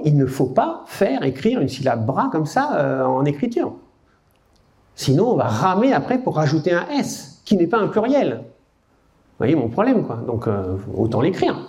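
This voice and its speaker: A man with a French accent giving a lively, conversational lecture to an audience as a teacher trainer. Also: fairly high pitch, moderate pace. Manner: conversational, lively, frequent "hein" and "bah".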